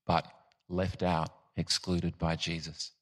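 A man preaching a sermon, thoughtful and unscripted, pausing with frequent ums and restarts. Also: sits low, level tone, a bit bright.

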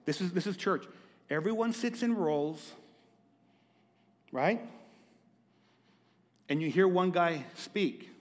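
Speaking slowly with long pauses, a high-pitched male pastor delivers a sermon to his congregation in a church hall, where his voice trails off in a long reverb tail. He frequently repeats words and poses questions to the people listening.

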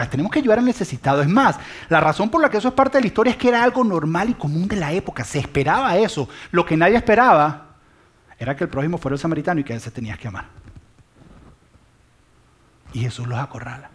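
A man's voice: a little high, breathy edge. A man preaching a sermon, speaking directly to listeners with questions and dropping to a whisper on key words. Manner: mixes English phrases into Spanish.

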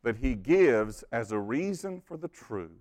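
A man preaching a sermon, telling stories with animated delivery, often repeating words as he starts a phrase and dropping to a hushed, intense tone for emphasis. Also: medium pitch, unhurried. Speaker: pastor.

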